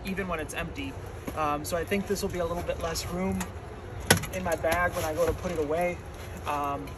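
A man in his thirties talks through a gear review in a loose, unscripted way, filling pauses with ums as he points things out. His voice sits a little high for a man. Clear background noise runs under the phone recording. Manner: relaxed, many ums, shows items while talking. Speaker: volunteer ski patroller. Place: snowy outdoor deck, then indoor garage.

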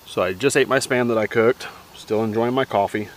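A man casually narrating his camp cooking outdoors in the woods, relaxed and plain-spoken, giving practical tips. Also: lowish voice, a little fast. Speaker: outdoors vlogger.

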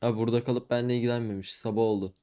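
A young man quietly talks his way through a horror game, keeping his voice low and muttering. He reads each line of dialogue aloud in a flat, even tone as he plays. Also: rapid-fire. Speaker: gaming YouTuber. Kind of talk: let's play commentary, reading dialogue aloud.

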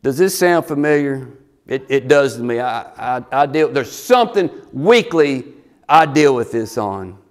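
A male pastor preaching a sermon, animated and acting out the scripture story. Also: medium pitch, measured pace.

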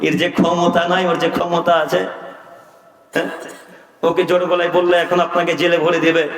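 High-voiced man preaching a scolding sermon. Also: little pitch movement, normal speed, fairly bright tone. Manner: rhetorical questioning, scolding the audience. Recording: echoey hall recorded from far off.

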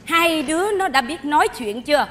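A woman playing a boastful, unhinged hired nanny in a stage comedy sketch, loud and bossy, often laughing as she talks. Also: high-pitched, animated, normal speed, slight background noise. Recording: live stage audio with audience.

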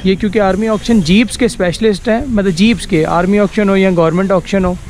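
Walking through an outdoor workshop yard, a vlogger with a Pakistani Urdu accent gives a chatty tour, pointing out vehicles and often saying "ji" and "dekh rahe ho". His voice is high-pitched and darkish, with fairly even intonation and fast delivery. Street noise sits behind him.

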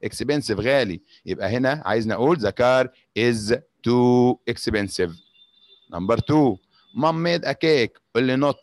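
A man with an Egyptian Arabic accent teaching a grade-school English lesson, explaining in Arabic and dictating English example sentences very slowly. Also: mid-range voice, no room sound.

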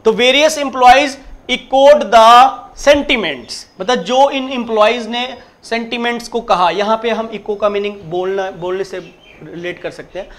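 A man teaching an exam-prep grammar lecture, explaining step by step, repeating his points and reading the example sentences slowly. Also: high voice. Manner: emphatic, repeats points and keeps checking in. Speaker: English teacher.

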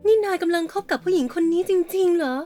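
A woman voicing a blunt, scornful goth teenage girl in an animated story dub. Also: extremely high pitch, fast, soft background music.

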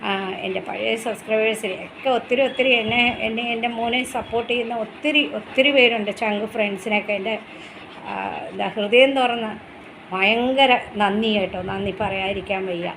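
A woman's voice: fairly high pitch, fairly quick, a bit bright, slight background noise, rough recording. A woman, chatting tenderly in a casual pet vlog, recorded outdoors at a house. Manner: chatty, tender, often coos to the dogs. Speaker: pet vlogger.

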